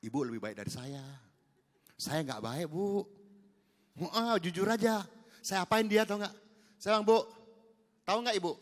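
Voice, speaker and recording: A middle-aged male pastor preaching a sermon, animated, moving from hushed asides to loud exhortation. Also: high-pitched, unhurried, long pauses. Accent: Indonesian. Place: large church hall. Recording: long church reverb.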